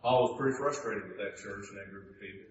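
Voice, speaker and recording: A man preaching a sermon in a church, moving from hushed, slow passages to loud, high-pitched emphasis. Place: church sanctuary. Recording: echoey hall, distant mic, dull sound, faint noise.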